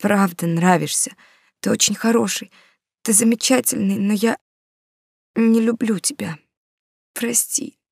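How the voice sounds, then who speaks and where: A woman voicing a guilty young woman who speaks softly and haltingly, close to tears, apologizing as she leaves. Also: medium pitch, steady tone, vocal fry, slightly rough, dry recording, pitched above the performer's own voice. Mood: tearful, soft. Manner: soft, halting, apologetic, near whisper. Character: young woman, guilty, tearful, leaving her lover.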